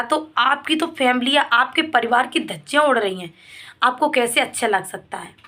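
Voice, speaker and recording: Her voice runs high with a sharp tone as this vlogger comments on a family controversy in a casual opinion video. She speaks to her viewers and to a person involved, emphatically repeating phrases with a reproachful, pleading edge.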